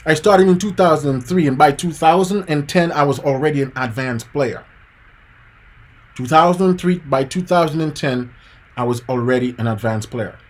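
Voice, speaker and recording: Speaking at a normal pace, this man has a voice on the high side. He's a Jamaican piano teacher in his thirties giving a motivational live-stream lesson, chatting casually yet preachily, addressing his audience as "guys" and "man" and hammering home his main points again and again.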